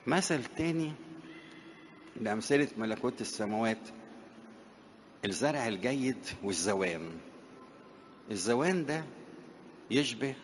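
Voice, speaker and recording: A man's voice: medium pitch, expressive, normal speed, pauses often, a little hiss or hum. A man with an Egyptian accent preaching a sermon in a church on a wireless microphone, talking casually with the congregation and asking them questions. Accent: Egyptian Arabic. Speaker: priest.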